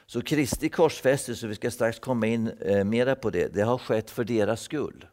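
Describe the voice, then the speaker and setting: A man's voice: mid-range voice, darkish tone, in a large hall. A man giving a thoughtful Bible-teaching sermon, repeating words as he explains. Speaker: preacher.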